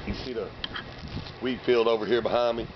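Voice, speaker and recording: Recorded from a few meters away on a camera mic, the audio is dull and lo-fi with outdoor noise. A hoarse man in his thirties, a vlogger, fires off rambling slang-heavy shout-outs at a fairly quick clip, sipping a drink between lines. His voice is mid-range and steady, and he's out by bare trees and fields on a cold, sunny day.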